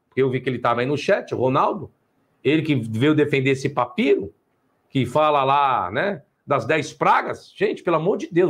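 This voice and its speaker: A middle-aged Brazilian man hosting a livestream lecture, speaking emphatically, firing rhetorical questions at his viewers and chiding them, and slowing down when he reads out his sources. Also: a little high. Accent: Brazilian Portuguese. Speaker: online teacher and channel host.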